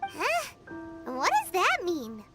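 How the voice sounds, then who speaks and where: Game sprite: squeaky, very high and bouncy, tiny childlike companion, music under. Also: female voice, wildly swooping pitch, slow, full character voice. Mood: curious. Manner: bouncy and exclamatory. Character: tiny floating girl companion, chirpy and excitable. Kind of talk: game cutscene voice acting.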